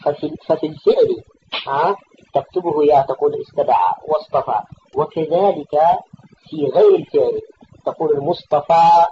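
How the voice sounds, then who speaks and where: A man's voice: on the high side, lively intonation, moderate pace, dull audio, a little hiss or hum. A man teaching a classical grammar text, patiently explaining points and correcting his student. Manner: patient, repeats and corrects the reader, asks checking questions.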